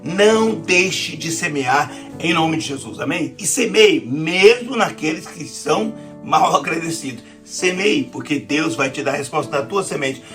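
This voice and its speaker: A woman's voice: deep voice, lively intonation, a little slow, fairly bright tone, soft background music. A woman with a Brazilian accent preaching a sermon, often calling her listeners "querido" and asking for amens. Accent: Brazilian Portuguese.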